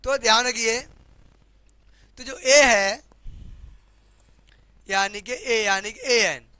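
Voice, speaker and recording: A man's voice: very high voice, extremely slow, bright, forceful tone, clean tone, no echo. A man with a Hindi accent teaching English grammar in a classroom lesson, often repeating questions to his students.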